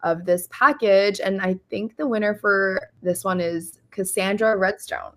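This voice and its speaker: A woman's voice: mid-range voice, unhurried, a bit bright. A woman hosting a webinar, chatty and playful in casual talk. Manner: chatty and playful, laughs easily. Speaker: webinar host. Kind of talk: casual chat.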